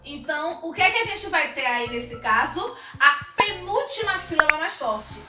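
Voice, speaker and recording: Brazilian schoolteacher, high voice, upbeat, stretched-out syllables, roomy echo. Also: female voice, lively intonation, far from the mic. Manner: upbeat, drawn-out syllables when sounding out words. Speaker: primary school teacher. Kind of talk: recorded video lesson for children. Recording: echoey room, voice off-mic, music behind.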